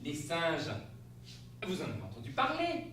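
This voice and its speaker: Flustered spouse figure, played by a man, lively swooping voice, comic stage monologue, distant mic, faint hiss. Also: a little high, a little slow, heavy reverb, heavily acted. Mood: flustered, amused. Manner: animated, exclamatory, laughs through lines. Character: flustered spouse telling an absurd tale. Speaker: stage actor. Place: theater stage.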